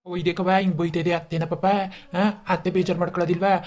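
A woman doing a lower-voiced cartoon son, mildly reproachful. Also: level tone, quick pace, darkish tone, close to an everyday voice.

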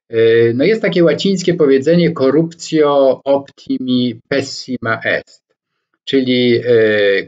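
Seated indoors in a home study with bookshelves behind him, a Polish man in his sixties with a mid-range voice delivers a reflective to-camera lecture as a scholar commentator. He moves slowly and deliberately, using both hands to gesture and filling his many pauses with hesitation sounds while picking his words. A webcam or laptop mic records him head-and-shoulders, yielding dull lo-fi sound.

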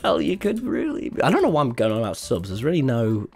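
A man livestreaming a game, chatting to his viewers in an animated, sweary, exclaiming way with music behind him. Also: medium pitch, fast talker, gravelly. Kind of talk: excitable game stream chatter, talking to chat. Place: indoors at a computer.

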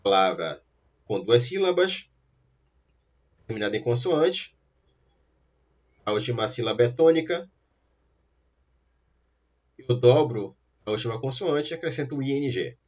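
A man's voice: medium pitch, expressive, darkish tone. Man, English lesson, careful explaining, dull lo-fi recording. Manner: slow, careful explanations, spelling out letters. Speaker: English teacher. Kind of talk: language lesson.

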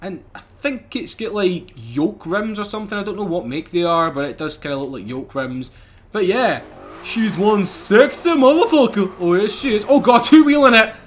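A British man hosting a casual racing-game let's-play, excitable and quick to swear or laugh. His voice sits high for a man and swings widely in pitch. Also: slight background noise. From United Kingdom. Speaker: gaming channel host.

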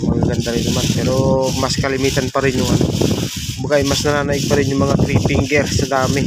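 A man's voice: medium pitch, completely flat delivery, quick pace. A Filipino man narrating a casual fishing vlog outdoors, chatty and laughing often, filmed on a wearable camera. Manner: chatty, laughs often, greets fellow anglers. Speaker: fishing vlogger. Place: outdoors on a windy lakeshore. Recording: loud wind noise on an outdoor camera mic.

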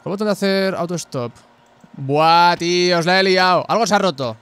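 Male gamer, excitable and sweary, fairly high voice, live gameplay commentary. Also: moderate pace, smooth. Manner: excitable, swears often, shouts at the screen.

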